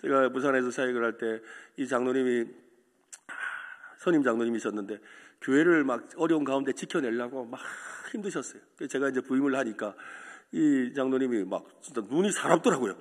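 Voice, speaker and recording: A man's voice: mid-range voice, fairly quick. A man preaching a sermon as pastor, telling a story and asking the congregation questions. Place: church sanctuary. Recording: echoey church hall with long reverb.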